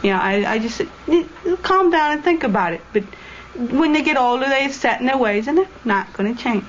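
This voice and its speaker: A woman's voice: high voice, expressive, fairly quick. A young woman, a former student, giving her opinions earnestly in a group discussion. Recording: dull lo-fi documentary audio with faint room noise.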